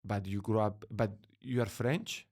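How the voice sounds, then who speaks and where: A man's voice: lowish voice, fairly even intonation, measured pace, darkish tone. A man hosting an interview, asking friendly questions with stumbling restarts. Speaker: interviewer, host. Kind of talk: casual interview conversation.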